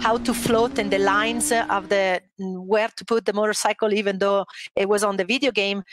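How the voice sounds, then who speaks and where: A woman from Italy with an Italian accent, a former motocross racer answering interview questions in English, with pauses as she searches for words. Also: medium pitch, steady tone, background noise.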